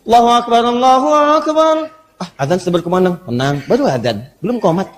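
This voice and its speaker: A high-voiced man delivers an Islamic sermon with animated, playful energy and teases his listeners. His voice rings with long reverb through a large mosque hall. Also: fast talker, slight background noise. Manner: animated, humorous, teasing the audience. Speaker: preacher, ustaz.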